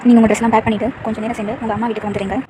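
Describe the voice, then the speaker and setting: A woman reads a second-person fan fiction story as a running narration. She talks very fast, and her pitch barely moves, giving her delivery a level sound. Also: level tone, dark tone, slight background noise.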